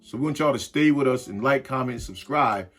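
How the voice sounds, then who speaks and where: Husky man in a casual sports chat. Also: mid-range voice, fairly quick, soft background music. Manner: loose, repetitive restarts, conversational slang. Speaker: podcast co-host.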